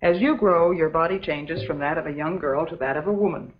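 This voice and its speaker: A dull, muffled soundtrack from an old educational film carries a low American voice close to everyday speech. The actress plays a calm, motherly substitute teacher, giving a scripted lecture that is patient, instructive, prim and measured.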